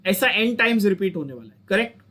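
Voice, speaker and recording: A man's voice: high voice, sing-song, fast talker, bright, forceful tone. A young Indian man teaching a chemistry lecture, coaxing his students, repeating points and asking them to say them back. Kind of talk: online lecture.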